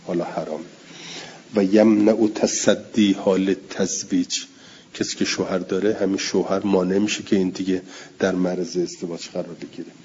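A man teaching a religious text in class, reading Arabic passages aloud and then explaining them in Persian, slowing down and repeating key words. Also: fairly low pitch, warm tone, in a large hall, a little hiss or hum. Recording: dull lo-fi recording.

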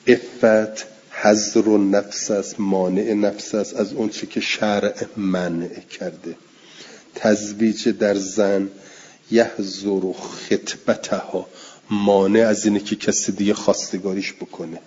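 A man teaching a religious text in class, reading Arabic passages aloud and then explaining them in Persian, slowing down and repeating key words. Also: on the low side, little pitch movement, darkish tone, big-room sound, a little hiss or hum. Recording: dull lo-fi recording.

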